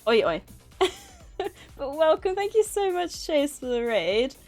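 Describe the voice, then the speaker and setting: A woman's voice: sits high, very animated, measured pace, a little mellow, faint music behind. A woman livestreamer chatting casually with her viewers in a flustered, nervous, giggly and effusively thankful manner. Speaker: livestreamer and author hosting a stream. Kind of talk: casual live chat with viewers. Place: livestream, indoors at a computer.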